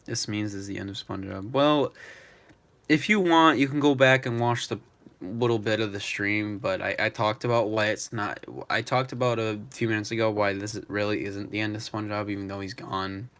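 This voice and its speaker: A young man live streaming, talking in a rambling, halting way with many restarts. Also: on the low side, steady tone, a bit bright. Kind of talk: emotional live-stream tribute chat.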